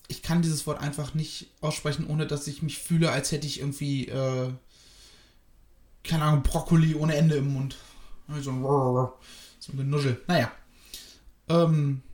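A man talks through a wrestling event in a loose, rambling way, stopping often for filler sounds. His delivery is slow and unhurried. His voice echoes around the room he records in. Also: sits high. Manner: hesitant, many fillers, rambling. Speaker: wrestling reviewer. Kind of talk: casual spoken review.

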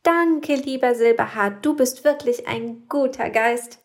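A woman voicing a small, excited young witch girl who talks in a bright, eager, quick way. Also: a little high, voice pushed up, close to an everyday voice. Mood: grateful.

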